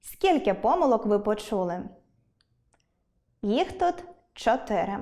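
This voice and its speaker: A woman teaching an online school language lesson, speaking clearly and deliberately and stressing her example words. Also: mid-range voice, sing-song, warm tone.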